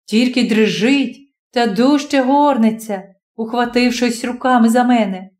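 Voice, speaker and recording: A woman narrating a classic story as an audiobook, expressive and dramatic. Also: on the high side, measured pace. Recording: roomy echo.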